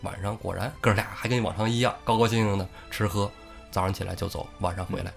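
A man's voice: sits low, steady tone, quick pace, gravelly, soft background music. A man, hosting and telling a comic story in a chatty, joking crosstalk way. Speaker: host.

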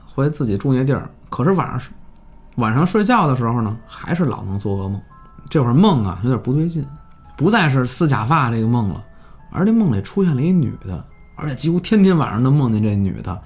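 Man telling a spooky story, lively pitch. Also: creaky. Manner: animated, jumps pitch for drama, swears casually. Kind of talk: casual horror story telling.

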